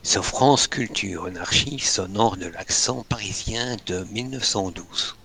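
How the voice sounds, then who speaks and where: A man's voice: lowish voice, a little slow, bright, forceful tone. A man co-presenting a radio show, reading out announcements. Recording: clear background noise.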